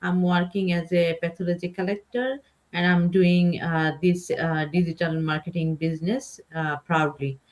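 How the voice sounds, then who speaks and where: A woman's voice: on the low side, level tone, normal speed. A woman from Bangladesh introducing herself on an online panel, polite and a little hesitant, over a video call. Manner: hesitant, polite, many fillers. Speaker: panel guest.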